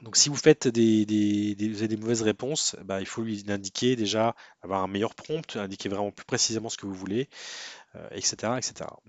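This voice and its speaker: A man's voice: lowish voice, steady tone, a little fast, no room sound. A man giving a casual webinar lecture, talking to a student in a conversational way with many fillers and restarts.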